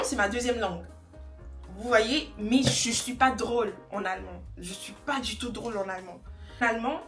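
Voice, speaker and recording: A woman's voice: a little high, a bit bright. A young woman vlogger chatting casually to her viewers while doing her makeup, rambling and self-assured. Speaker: beauty vlogger. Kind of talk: casual get-ready-with-me chat. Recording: echoey room, faint music behind.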